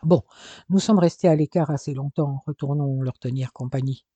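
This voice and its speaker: A man voicing a loving husband in an audiobook, gently comforting his wife. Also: a little high, normal speed, slightly rough, no room sound, muffled recording. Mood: calm. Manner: gentle, reassuring.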